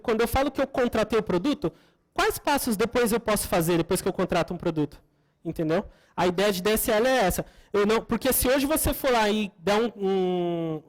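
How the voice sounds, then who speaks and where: A woman with a Brazilian Portuguese accent speaks to a conference audience in a slightly higher voice. She explains technical steps one at a time, often restarting her sentences and checking in with listeners. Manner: explanatory, often adds tag questions for the audience; frequent self-corrections and restarts.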